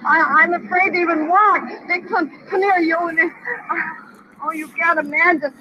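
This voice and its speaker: At a gas station outdoors, an American woman in her forties gives a rambling, repetitive, pleading account, agitated and distressed. Her voice is extremely high-pitched yet fairly even in intonation, at a moderate pace. The old outdoor field recording is dull and noisy.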